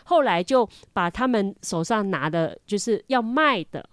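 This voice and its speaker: A woman in her thirties with a Taiwanese Mandarin accent, telling a story from her life as a mother in an animated way, often repeating words. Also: measured pace, slight background noise. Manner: animated, repeats words, lively pitch jumps. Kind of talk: casual storytelling chat.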